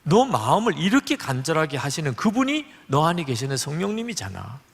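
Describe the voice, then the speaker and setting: A man's voice: very animated, a little fast, gravelly, slightly rough. A middle-aged male pastor preaching a sermon, telling a story and acting out the voices in it. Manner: storytelling, acting out dialogue with shifts of pitch. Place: large church hall. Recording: long hall reverb.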